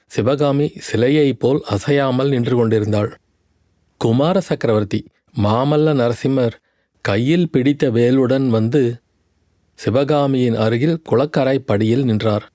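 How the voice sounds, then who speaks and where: A man narrating a historical novel in a measured, literary storytelling manner. His voice is warm and dark. The recording is dry and close, with no room sound. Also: medium pitch, no echo. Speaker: audiobook narrator. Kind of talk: scripted narration.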